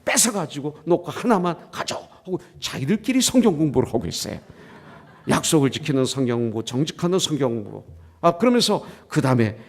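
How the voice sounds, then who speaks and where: Gravelly-voiced male pastor preaching in a reverberant church. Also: mid-range voice, big pitch swings, fairly quick. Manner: storytelling, acting out dialogue; mixes English phrases into the talk. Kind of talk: sermon. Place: church sanctuary. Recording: long reverb of a church hall.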